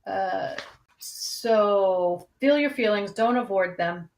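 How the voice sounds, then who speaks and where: A young adult woman speaks as a counselor, candid and conversational. Her pitch sits in the middle range, and she talks straight to her listeners about coping with worry. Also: slow pace, slight background noise. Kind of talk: casual talk on anxiety.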